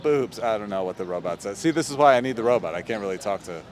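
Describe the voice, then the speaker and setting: A man in his thirties giving his opinions in a casual street interview, animated and quick with asides. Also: on the low side. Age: 30s. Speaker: podcast guest. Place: city street outdoors. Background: faint traffic.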